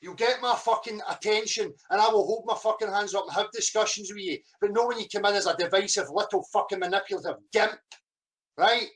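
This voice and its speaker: A man's voice: sits high, a little fast, fairly bright tone, low-quality recording. A man ranting to camera in a heated, confrontational way, swearing constantly. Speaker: vlogger. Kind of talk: angry rant to camera.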